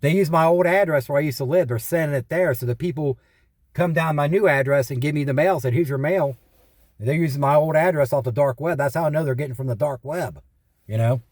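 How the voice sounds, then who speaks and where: A caller reports identity theft and scam calls, talking casually in a fairly high, fairly quick voice with a darkish tone. Exasperated, he complains through anecdotes, repeats himself and quotes past exchanges. The recording is dry.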